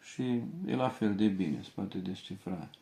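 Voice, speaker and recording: A man teaching a shorthand lesson, spelling out and repeating each syllable several times in a slow, dictating way. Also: deep voice, creaky, roomy sound, noisy background.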